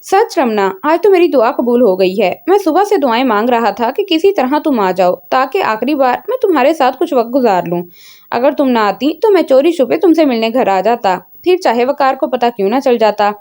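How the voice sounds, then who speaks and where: Devoted young soldier in a storybook, as a woman narrator reads him, soft and earnest. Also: sits high, very animated, moderate pace. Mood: tender. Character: young male army officer, gentle and devoted.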